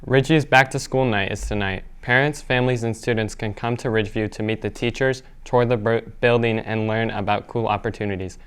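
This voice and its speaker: A man's voice: lowish voice, fairly quick, few pauses, smooth. A teenage boy anchoring a student newscast, reading school announcements steadily with small slips. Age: teens. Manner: steady read-aloud delivery with small slips. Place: school studio.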